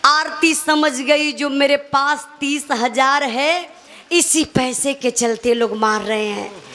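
A woman's voice: high-pitched, takes it slowly, sharp tone. A woman narrating a dramatic folk ballad, calling out to her listeners as brother. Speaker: folk storyteller singer.

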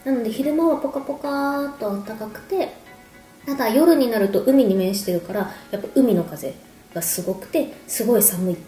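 A woman's voice: on the high side, brisk, warm tone. A woman in her thirties giving a casual explanation to camera while sipping a drink and snacking. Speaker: wine explainer, video host. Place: echoey indoor room at home. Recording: echoey room with background music. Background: music.

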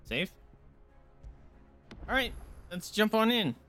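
Faint music plays behind this game streamer, whose high voice swings widely in pitch and carries a sharp edge. He talks slowly and casually to his viewers, often wandering off into side comments.

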